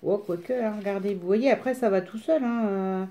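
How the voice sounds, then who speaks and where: A woman with a smoker's rasp chatting casually through a craft demonstration in a rambling, self-deprecating way. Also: medium pitch, normal speed, dark tone. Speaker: craft tutorial presenter.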